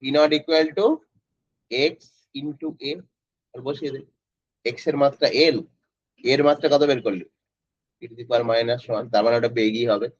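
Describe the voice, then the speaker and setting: A man's voice: medium pitch, moderate pace, long pauses, dry recording. A male physics tutor, teaching an online class in a casual way and quizzing students by name. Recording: dry, slightly dull lo-fi audio.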